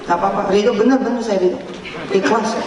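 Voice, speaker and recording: A high-voiced man delivers a playful, animated sermon. His voice carries from far off in a big hall with long, heavy reverb. A faint hum sits under the whole recording. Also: a little fast. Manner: animated, jokey, mixes in English and Arabic phrases, chants sounds. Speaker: preacher. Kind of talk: lively sermon to a crowd.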